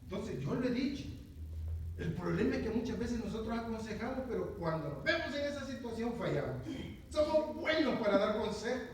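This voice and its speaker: A man's voice: very high-pitched, big pitch swings, brisk. A man, a pastor giving a conversational sermon who repeats words and keeps asking his listeners "right?". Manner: conversational, repeats words, often asks "¿verdad?". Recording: very echoey, distant, faint noise.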